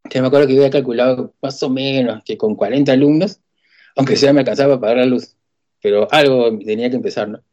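A middle-aged Peruvian man with a Peruvian accent tells his story, colloquial and animated. He acts out the people he quotes. His mellow voice moves at a quick clip and comes through a muffled, lo-fi recording. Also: medium pitch. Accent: Peruvian Spanish. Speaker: guest telling his story. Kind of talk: personal testimony storytelling.

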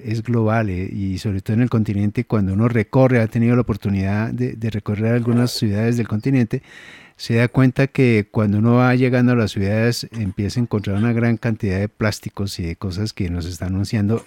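A man's voice: lowish voice, fairly even intonation, fairly quick, darkish tone, no echo. Colombian male radio host, close dry sound. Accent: Colombian Spanish. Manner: discursive, addresses the listener directly. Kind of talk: conversational radio hosting.

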